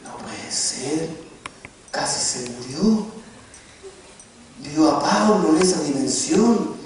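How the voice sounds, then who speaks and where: A preacher tells lively stories and quizzes his congregation. His voice runs high for a man. He is heard from a distance in a very echoey church hall with a faint hiss. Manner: animated, joking, asks the audience questions. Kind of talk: sermon storytelling.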